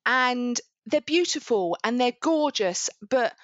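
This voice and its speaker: A woman's voice: on the high side, lively intonation, slow pace, dry recording. A woman co-hosting a podcast in casual chat, recorded with slightly dull, lo-fi sound. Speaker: podcast co-host.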